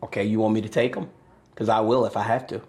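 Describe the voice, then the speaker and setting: A man's voice: fairly low pitch, level tone, quick pace, darkish tone. A middle-aged American man in unscripted reality TV talk, speaking firmly and insistently as a host parent. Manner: firm, insistent.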